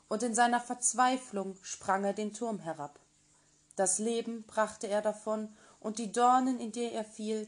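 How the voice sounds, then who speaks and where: Calm woman reading a fairy tale. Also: medium pitch. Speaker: kindergarten teacher.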